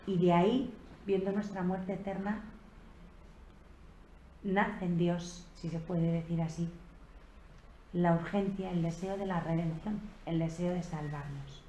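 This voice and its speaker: A woman giving a slow, reflective sermon on a Gospel passage at a retreat, rising in emphasis on key phrases. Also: on the low side, steady tone, warm tone. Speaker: preacher giving a retreat talk. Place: convent retreat room. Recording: echoey room with faint background noise.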